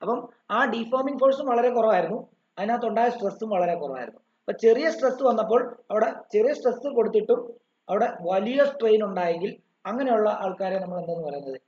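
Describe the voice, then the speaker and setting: A man's voice: sits high, expressive, fast talker, a little mellow. A man teaching physics to an online class with a Malayali English accent, asking questions and answering them himself, and dictating notes. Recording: dull roomy recording with faint noise.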